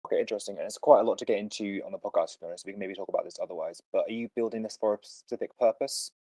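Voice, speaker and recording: A man hosting a relaxed fitness podcast confidently breaks down training ideas for a caller on a voice call. He talks very fast in a mellow voice on the low side, with no room sound and a low-quality recording.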